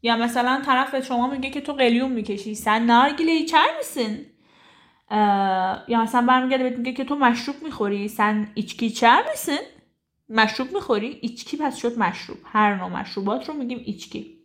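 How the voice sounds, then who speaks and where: A woman teaching a casual language lesson. She says each phrase slowly, then explains it quickly and chattily. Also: fairly high pitch, fairly bright tone.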